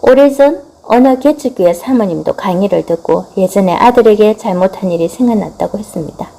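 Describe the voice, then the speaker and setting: Middle-aged lady doing a parenting talk, soft warm tone, acts out the quotes. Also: medium pitch, lively intonation, fairly quick, gravelly, rough recording. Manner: gentle, acts out quoted dialogue. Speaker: parenting lecturer.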